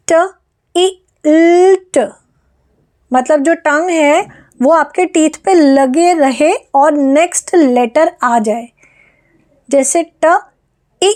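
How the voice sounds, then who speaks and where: A woman teaching an online phonics lesson, slowly sounding out letters and blends. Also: high-pitched, a little mellow. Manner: slow, deliberate sounding out of letters.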